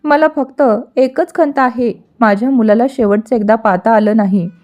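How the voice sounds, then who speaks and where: A woman's voice: on the high side, normal speed, faint music behind, close to an everyday voice. A woman reading a frail, tender old mother. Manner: soft, sorrowful.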